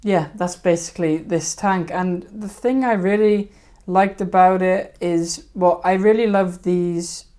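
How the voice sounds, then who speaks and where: A woman's voice: on the low side, fairly even intonation, unhurried, hardly any pauses, dark tone. A woman hosting a fishkeeping live stream, rambling casually and hesitantly over her old videos. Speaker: fishkeeping channel host.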